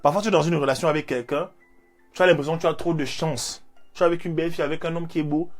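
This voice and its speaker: A man, giving an animated, repetitive motivational faith talk as a life coach. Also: on the high side, racing, faint music behind. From Cameroon. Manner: animated, repeats phrases, leans on fillers.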